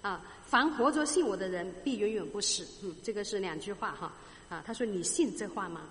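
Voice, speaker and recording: A woman's voice: mid-range voice, fairly quick, long reverb tail. A woman preaching a sermon, explaining a scripture passage with rhetorical questions to her listeners and growing emphatic on key points. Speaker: Bible teacher.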